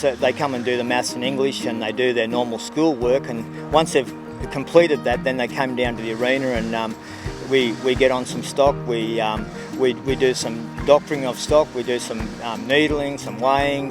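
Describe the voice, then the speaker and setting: An Australian rodeo coach explains his job in a plain, halting manner. He is a man with a mid-pitched voice, recorded in an informal interview with music clearly playing behind him.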